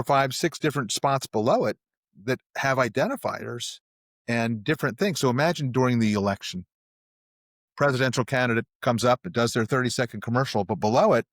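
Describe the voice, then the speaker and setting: A middle-aged man talking casually as a podcast guest, rambling and restarting often, getting animated when he explains. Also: mid-range voice, no echo, clean studio sound. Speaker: podcast guest, marketing agency president. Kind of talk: casual interview talk.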